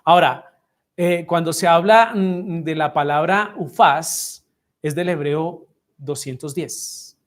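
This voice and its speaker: A man with a Colombian accent, a messianic pastor teaching a Bible study to a class and asking them frequent questions. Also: on the high side. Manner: asks the class frequent questions, measured and deliberate. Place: congregation room with listeners.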